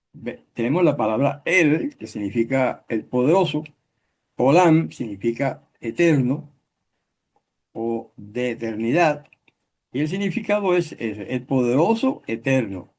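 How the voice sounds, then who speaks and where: A man's voice: mid-range voice, darkish tone. A middle-aged man teaching a Bible class, explaining terms step by step and checking in with his listeners. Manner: explains slowly, checks in with "¿ok?" and "¿verdad?".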